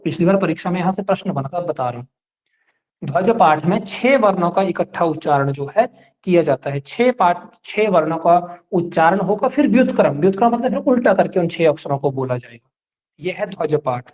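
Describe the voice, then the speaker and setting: Male teacher, high pitch, patient step-by-step exam-prep lecturing, muffled lo-fi recording. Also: expressive, a little fast, a little mellow. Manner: explains step by step and checks that students follow.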